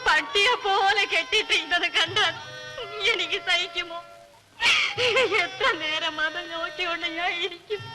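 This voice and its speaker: A woman's voice: very high voice, steady tone, normal speed. Brief: a grieving young woman in an old drama, weeping and pleading. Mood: tearful. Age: young adult. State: crying. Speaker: film character. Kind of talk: 1960s film acting. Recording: old film soundtrack with music.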